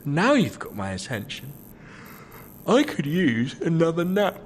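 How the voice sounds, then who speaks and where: A man's voice: a little high, huge pitch swings, a little slow, a little hiss or hum, heavily acted. An actor with a British accent playing a lazy, sarcastic male captive, dismissive and drawling. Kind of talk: audio drama acting.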